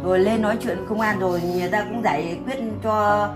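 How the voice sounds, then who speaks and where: A woman's voice: medium pitch, steady tone, quick pace, close to an everyday voice. A woman playing an insistent, scolding mother. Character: worried mother of a pregnant daughter. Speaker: actor in a family skit. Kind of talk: amateur drama acting. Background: background music.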